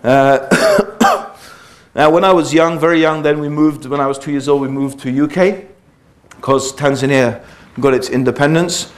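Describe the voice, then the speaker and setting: A man's voice: fairly high pitch, steady tone, normal speed. A man, giving an informal religious lecture in a conversational way with frequent fillers and asides. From England. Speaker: Islamic lecturer.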